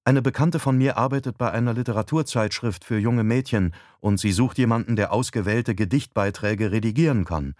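A man voicing a calm, persuasive young wife in an audiobook, raising his pitch and speaking gently. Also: fairly quick, few pauses, dry recording, studio quality, close to an everyday voice. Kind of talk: audiobook dialogue.

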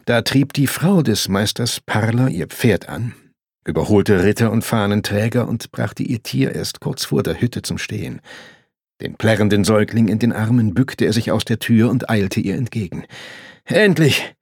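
A man reads a historical novel aloud in a measured storytelling manner. His voice sits low and has a gravelly, husky grain. The recording is dry and close. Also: darkish tone, no echo. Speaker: narrator. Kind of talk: audiobook reading.

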